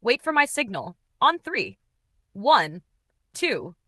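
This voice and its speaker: A woman reading an audiobook, voicing a big male Russian bodyguard giving calm, terse reports. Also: a little high, slow, no room sound, studio quality, voice pushed up, exaggerated voice. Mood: steady.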